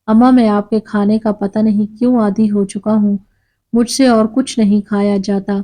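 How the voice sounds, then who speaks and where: A woman voicing an angry grown son who scolds and shouts at his mother. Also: mid-range voice, steady tone, lightly acted.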